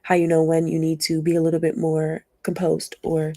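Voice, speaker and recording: A woman's voice: low voice, completely flat delivery, normal speed, mellow, no echo. A young woman giving a casual tarot reading, chatty and rambling, laughing often and acting out what people might say. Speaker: tarot reader.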